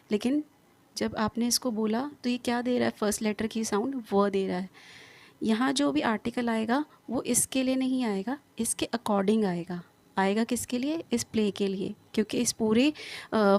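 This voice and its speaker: A woman with a slightly high voice teaches an English grammar lesson. She poses quick questions and answers them herself. She reads each example sentence slowly and carefully. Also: darkish tone.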